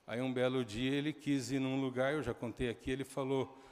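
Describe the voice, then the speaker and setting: A middle-aged man with a Brazilian accent preaching a sermon in a church, telling stories conversationally with quick asides to the congregation. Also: medium pitch, steady tone, darkish tone. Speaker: pastor. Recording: long hall reverb.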